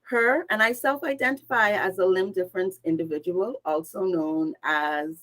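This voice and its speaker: A woman from the islands, a guest speaker introducing herself on a video call, energetic and expressive. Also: mid-range voice, normal speed, rough recording. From Bahamas. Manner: energetic, expressive, listing words in lively runs. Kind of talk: upbeat conversational self-introduction.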